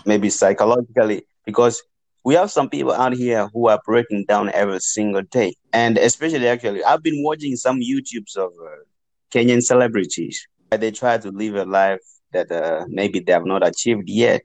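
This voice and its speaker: Slightly low-voiced man in dry, close sound. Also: normal speed, a little mellow, no room sound, low-quality recording. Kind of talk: casual reflective conversation.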